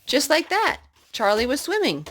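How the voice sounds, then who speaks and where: A woman with a high-sitting voice performs a children's storybook reading, animated for a child's ears. She pauses here and there to explain and ask questions.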